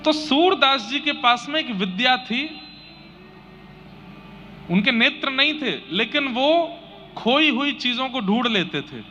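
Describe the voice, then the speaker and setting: Brief: male katha preacher, high bright voice, emphatic and repetitive, a bit lo-fi. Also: slow pace, pauses often, soft background music. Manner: animated, emphatic, repeats phrases. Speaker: devotional storyteller. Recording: slightly dull audio with faint noise.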